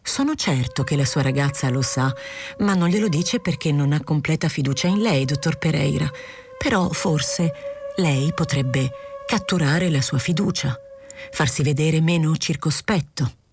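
A woman reading the part of a calm, frank middle-aged male doctor who speaks in a probing, gently lecturing way, in an audiobook. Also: low voice, a little slow, soft background music. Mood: earnest.

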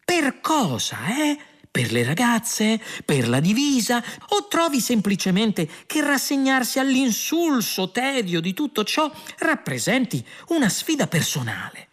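A man voicing a quick-witted, persuasive male alien traveller who coaxes and draws out his words. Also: very high-pitched, very animated, a bit bright, voice pushed up, heavily acted. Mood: coaxing. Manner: coaxing, drawing out words.

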